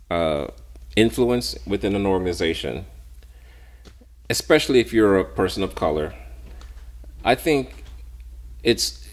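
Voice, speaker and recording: A man co-hosting a podcast, talking casually and thinking aloud, often repeating words as he searches for them. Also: sits low. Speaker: podcast co-host. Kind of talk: casual discussion.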